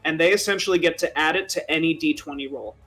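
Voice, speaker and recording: A young man as game master, narrating a tabletop game in an animated, casual way. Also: a little high, fast talker, soft background music.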